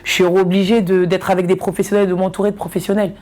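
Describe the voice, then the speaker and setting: A woman's voice: mid-range voice, level tone, fast, darkish tone. A woman from Ivory Coast, a comedian and influencer, chatting casually in an interview and repeating words for emphasis.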